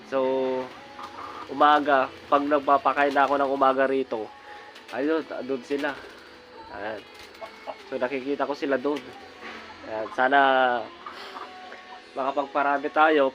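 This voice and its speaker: A man's voice: mid-range voice, a bit bright, lo-fi sound. A man with a cold, chatting casually to viewers while he shows off a big bird cage outdoors, filming on a phone. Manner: chatty, repeats filler words often, addresses viewers directly. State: has a cold. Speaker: vlogger showing his bird cage. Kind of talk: casual vlog walkthrough. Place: outdoors in a yard beside a large bird cage.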